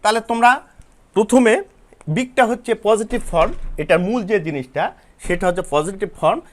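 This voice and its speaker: A man's voice: high voice, animated, fairly quick. A male English teacher from Bangladesh giving an online lesson to students, explaining step by step and spelling words out letter by letter. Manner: addresses students directly, repeats himself.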